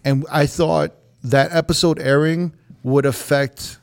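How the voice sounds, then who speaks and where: This young podcast host has a gravelly yet clear and resonant voice on the high side, steady in tone and unhurried. His casual chat is loose and profane, thick with "like" and "you know."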